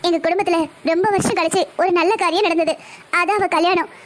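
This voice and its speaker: A woman's voice: extremely high pitch, steady tone, fast. A woman voicing a distraught middle-aged mother in a cartoon, talking in a tearful, pleading way. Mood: sorrowful. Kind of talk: cartoon voice acting.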